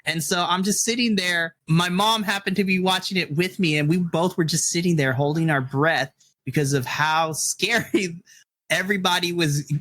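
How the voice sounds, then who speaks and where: A man co-hosting a podcast in casual chat, talking in excitable bursts with gasping exclamations. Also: high voice. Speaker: podcast co-host.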